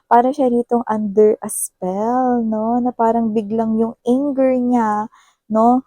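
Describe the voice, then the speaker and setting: A woman's voice: fairly even intonation, slow, warm tone, no echo. Chatty woman reading tarot. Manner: chatty, tags sentences with "no?"; acts out a partner's scolding in a higher voice. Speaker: tarot reader. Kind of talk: casual tarot reading to viewers.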